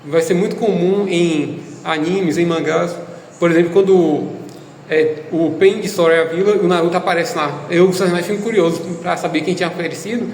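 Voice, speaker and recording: A man's voice: high voice, fairly even intonation, a little fast, a little mellow, reverberant, in a large hall, a little hiss or hum, poor audio. A man giving a casual video lesson on Japanese, explaining step by step with hesitant fillers. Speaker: Japanese language teacher.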